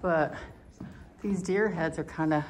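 A tour guide with a deep, slightly slow voice walks old town streets outdoors, filming as she goes. She narrates casually, pointing out the sights along the route.

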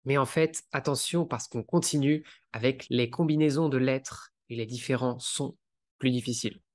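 A man teaching French pronunciation, articulating each sound slowly and deliberately while reading word lists. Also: medium pitch, dry recording, studio quality.

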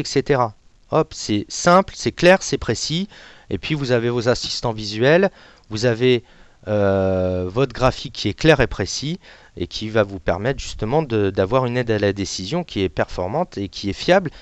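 A man giving a casual live demonstration of trading software to an audience, hesitant, with many fillers and little sound words. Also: mid-range voice, dry recording. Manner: says he is not an analyst. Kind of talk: live software demo webinar.

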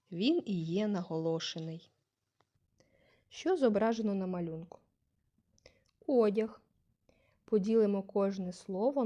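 A woman teaching a young class, slow and patient, saying example words aloud with a rising question tone to stress syllables. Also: medium pitch, warm tone. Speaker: primary school teacher. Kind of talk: scripted lesson narration.

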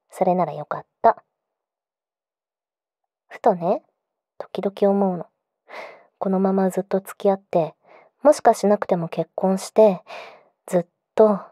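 A woman's voice: mid-range voice, warm tone, no room sound, studio quality. A woman playing a clingy, possessive yandere girlfriend in an intimate pillow-talk role-play, coaxing and insistent.

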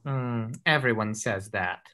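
A woman voicing a calm, matter-of-fact female hospital staffer who speaks in a measured way. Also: extremely low pitch, pitched below the performer's own voice.

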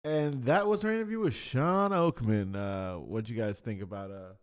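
A man's voice: medium pitch, normal speed, smooth. Easygoing male podcast co-host. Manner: easygoing, storytelling. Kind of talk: casual podcast chat.

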